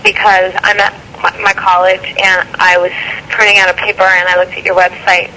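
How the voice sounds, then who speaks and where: A woman's voice: medium pitch, flat delivery, moderate pace, bright, forceful tone, a little hiss or hum, poor audio. Worried young woman on a payphone call. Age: young adult. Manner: hesitant, worried, trailing off. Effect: payphone call heard on an answering machine. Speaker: friend leaving a voicemail. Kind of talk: answering machine message. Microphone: payphone handset.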